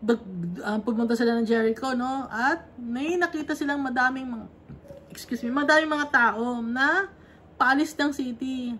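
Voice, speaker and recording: A woman's voice: high voice, normal speed, a bit bright, slight background noise. A woman leading a conversational Bible study, reading verses and explaining them, often checking in with her listeners. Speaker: Bible teacher.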